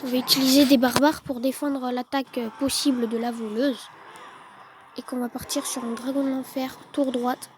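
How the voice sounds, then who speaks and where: A woman giving relaxed, chatty play-by-play commentary on her own gameplay, with quick excited bursts. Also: high-pitched. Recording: noticeable background noise.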